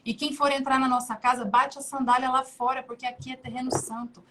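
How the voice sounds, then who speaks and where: A woman's voice: high voice, little pitch movement, brisk, background noise. A woman giving earnest, preachy advice on marriage and the home on a live stream. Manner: earnest, preachy, builds lists. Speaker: guest speaker.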